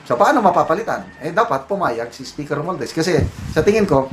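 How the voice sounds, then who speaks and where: A man with a Filipino accent talks politics in a casual, opinionated way, slipping English phrases into his sentences. His voice sits a little high for a man. A faint hiss of background noise runs under the recording. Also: fast talker, rough recording. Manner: opinionated, animated, mixes English into talk. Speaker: political commentator.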